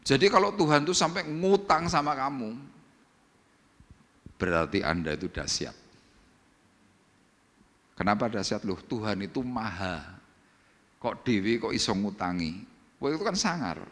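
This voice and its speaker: A male pastor preaches with a lively, swooping voice, slipping into little acted exchanges. He speaks in a church hall, and the sound trails off in a long reverb. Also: on the low side, unhurried, pauses often. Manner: animated, acts out little dialogues. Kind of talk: sermon.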